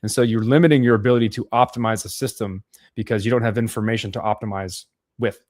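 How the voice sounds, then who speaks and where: A man's voice: lowish voice, steady tone, quick pace, darkish tone, no echo, clean studio sound. A man co-hosting a podcast, explaining ideas step by step and thinking aloud. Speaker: podcast co-host. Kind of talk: casual podcast discussion.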